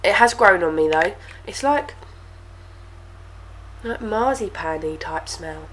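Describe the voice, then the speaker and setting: With a fairly low, expressive voice that's slow and a bit bright, this young vlogger rambles about products in a casual review to camera. There's a little hiss or hum, and her cold leaves her stuffy-nosed as she chats on with lots of fillers and repeated words.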